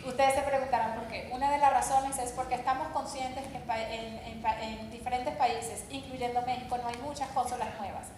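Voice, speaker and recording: A woman with a fairly high voice explains things informally as a conference presenter, pausing to find words. The sound is strongly reverberant, like a big hall, with faint noise. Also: steady tone, darkish tone. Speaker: game company presenter. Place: large event hall.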